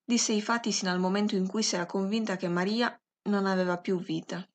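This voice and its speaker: A woman narrating a classic novel as an audiobook, reading in a slow, measured and expressive way. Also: mid-range voice. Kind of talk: scripted literary audiobook narration.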